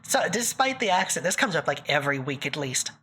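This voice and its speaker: A livestream host from northern Canada, this woman talks a little fast in a deep, very animated voice that is a bit bright and slightly rough. She answers viewers in casual chat, joking and laughing often, with a thick accent that sounds put-on.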